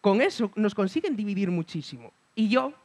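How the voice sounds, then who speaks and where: A man's voice: high voice, very animated, brisk, darkish tone. A man giving a reflective conference talk, often checking in with his listeners with a questioning hum. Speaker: speaker at a talk.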